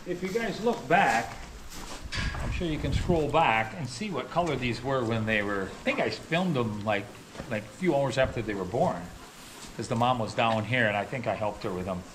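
Rambling middle-aged farmer, plain voice. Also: male voice, medium pitch, lively intonation, normal speed, noisy background. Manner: rambling, with many restarts and hedges. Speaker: dairy farmer. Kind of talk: casual storytelling. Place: on a farm, near calves.

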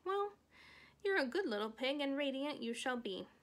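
A woman voicing a kind, clever female barn spider in a storybook, gentle and coaxing. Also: high-pitched, very animated, normal speed. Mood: kindly coaxing.

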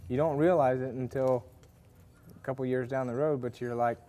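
This farrier instructor sounds warm, medium-pitched, and fairly even, speaking at a moderate pace with a little background noise. His hands-on demonstration in the forge workshop is casual and rambling, full of fillers and restarts.

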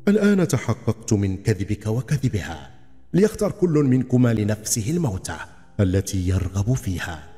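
A man's voice: on the low side, very animated, moderate pace, mellow. A man voicing an angry male ifrit in a storybook tale, commanding and threatening. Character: furious towering male ifrit, jealous and cruel. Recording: long reverb, faint background music.

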